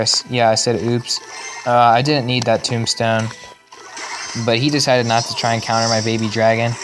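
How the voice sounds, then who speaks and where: A man's voice: medium pitch, noisy background. Chatty young man with a fraying voice, rambling over gameplay. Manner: rambling, self-correcting, chatty. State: losing his voice. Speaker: gaming channel host. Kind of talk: casual gameplay commentary.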